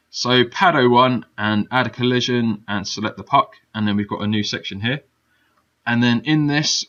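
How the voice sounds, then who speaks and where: Low, chatty man with a dull lo-fi sound. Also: a bit bright. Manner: chatty, loose, many fillers and check-in "yeah?"s. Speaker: game development teacher. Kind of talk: casual screen-recorded software tutorial.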